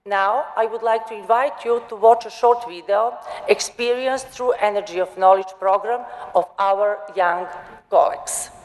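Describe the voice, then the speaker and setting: A woman at a panel session, speaking slowly and carefully in a mid-pitched voice. Her words ring out with a long reverb from a large conference hall. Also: steady tone. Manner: slow, deliberate delivery with non-native grammar. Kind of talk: conference presentation.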